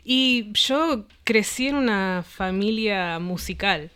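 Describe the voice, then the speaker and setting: Argentine-born woman dj from brooklyn, smooth clean voice, easygoing guest chat, lots of "sí sí sí". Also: mid-range voice, takes it slowly. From Argentina, raised in Brooklyn. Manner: relaxed, repeats "sí, sí, sí", chuckles between phrases. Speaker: DJ and producer, guest. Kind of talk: casual interview chat.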